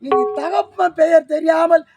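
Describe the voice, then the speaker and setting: A man's voice: very high-pitched, normal speed, music in the background. A man playing a ranting old hermit father. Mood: preachy, furious. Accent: Tamil Nadu. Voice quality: shouting, declaiming, scolding. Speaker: stage actor playing a sage father. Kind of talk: village stage drama.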